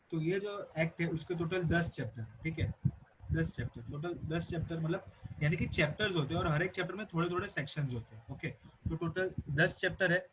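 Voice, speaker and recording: A man's voice: on the high side, noisy background. Indian man teaching a law class. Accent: Indian English. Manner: explanatory, repeats key points, mixes English terms into Hindi. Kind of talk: recorded lecture.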